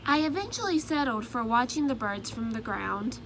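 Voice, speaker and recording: A woman reading the part of a timid male egg who tells his own story in soft, earnest first-person storybook narration. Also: fairly high pitch, big pitch swings, normal speed, noisy background. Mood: hopeful.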